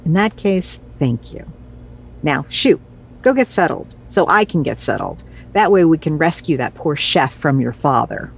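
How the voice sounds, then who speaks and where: An actress playing a cheeky mother in her sixties, wry and lively. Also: deep voice, a little slow, creaky, a little hiss or hum, heavily acted. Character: cheeky newly retired mother.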